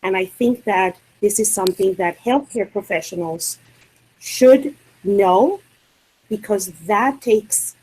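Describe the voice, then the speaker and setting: A woman from Colombia's Caribbean coast with a Caribbean Spanish accent, a dietitian and diabetes educator answering interview questions in a measured, explanatory way. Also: mid-range voice, slightly rough, low-quality recording.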